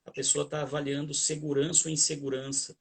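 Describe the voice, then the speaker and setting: A man's voice: a little high, level tone, fairly quick, gravelly, slightly rough. A Brazilian man, a guest trainer on a livestream video call, giving conversational advice with hesitant restarts and repeated fillers.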